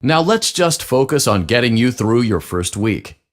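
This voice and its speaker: Very animated yet unhurried, a man of medium pitch voices the pizzeria franchise tutorial guide in a video game, a peppy, salesy corporate training narrator cheering the player on. The scripted narration sits over music in a noisy background.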